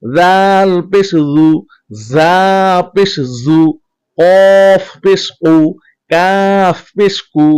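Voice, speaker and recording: Chanting every Arabic letter with its vowel mark, a Quran reading teacher works through a slow, measured drill before closing with softer, quicker words to viewers. His voice sits high, clear and resonant, with fairly even intonation and faint music behind.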